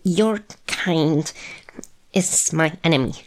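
A woman's voice: low voice, takes it slowly, a little mellow, exaggerated voice. A woman playing a proud but anxious snake-bodied monster woman in an audio role-play, speaking hesitantly and stammering to the listener. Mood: wary, distrustful.

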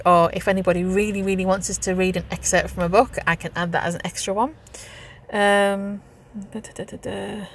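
Sitting in a car, a vlogger from Northeast England does an accent challenge, talking casually in her Northeast English accent with lots of hesitant ums. Her voice is mid-range and slightly bright.

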